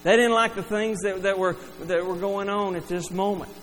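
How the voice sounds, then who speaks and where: Male pastor, earnest sermon delivery, fairly high voice, long church reverb and low hum behind. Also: steady tone, normal speed, fairly bright tone. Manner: earnest, acts out quoted lines. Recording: reverberant hall with mains hum.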